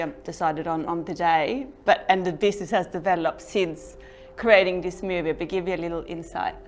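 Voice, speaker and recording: A woman's voice: on the low side, creaky. Woman giving a hesitant talk. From Norway. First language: Norwegian. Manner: hesitant, many ums and restarts. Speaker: startup founder giving a talk. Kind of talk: informal presentation.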